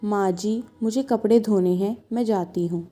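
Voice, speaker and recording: A woman's voice: medium pitch, measured pace, soft background music, natural voice. A woman doing a meek young daughter-in-law. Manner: soft, submissive.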